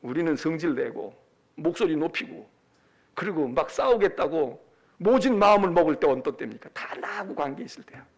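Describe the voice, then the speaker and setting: A man delivering a sermon as senior pastor, emphatic and animated, acting out quoted speech. His voice sits high with a gravelly edge. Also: fairly quick.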